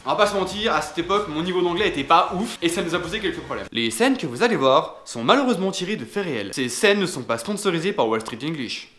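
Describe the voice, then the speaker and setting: A man's voice: fairly high pitch, lively intonation, quick pace, few pauses, fairly bright tone, echoey room. A young man from France, telling comic travel anecdotes with a punchy, jokey delivery. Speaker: vlogger.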